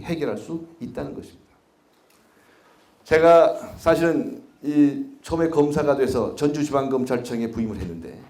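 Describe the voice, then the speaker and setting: A middle-aged man gives a public lecture and tells stories, often stopping to ask his audience questions. His voice sits a little high for a man and moves between soft and loud. The sound is roomy, with the echo of a hall. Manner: storytelling, asks the audience questions, wide swings in loudness. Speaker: speaker giving a public policy lecture. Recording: echoey hall.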